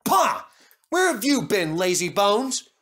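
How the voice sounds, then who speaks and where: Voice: mid-range voice, big pitch swings, takes it slowly, a bit bright, voice pushed up. A man voicing a cheeky, impatient young male tank engine, indignant and emphatic, in a children's story. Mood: cross, scornful.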